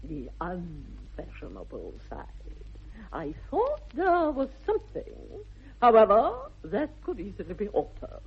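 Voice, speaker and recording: A woman's voice: mid-range voice, wildly swooping pitch, a little slow, husky, exaggerated voice. Snobby old posh english lady, wildly swoopy and imperious, theatrical, muffled old radio comedy recording. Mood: haughty, interrogating. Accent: upper-class English. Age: older. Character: formidable, snobbish older aristocratic lady. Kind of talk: 1960s British radio comedy acting. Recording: dull vintage radio recording.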